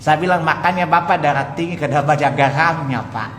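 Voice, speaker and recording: A man's voice: fairly high pitch, brisk, slight background noise. A man preaching a sermon, telling stories with acted-out dialogue and asking his listeners questions. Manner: lively storytelling, asks the audience questions, acts out dialogue. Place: mosque hall. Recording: echoey mosque hall.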